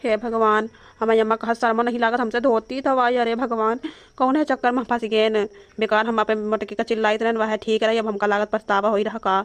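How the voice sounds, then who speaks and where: A woman's voice: a little high, little pitch movement, fairly quick, dry recording, natural voice. A woman voicing a harried grown son in a cartoon, speaking with an Awadhi accent and a complaining, exasperated manner. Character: grown son, harried young man, grumbling. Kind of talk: cartoon voice acting.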